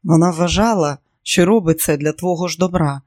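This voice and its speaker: A reader doing a hushed, guilty woman. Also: mid-range voice, a little fast, no room sound, studio quality, close to an everyday voice. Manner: hushed, apologetic. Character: woman confessing quietly, guilty.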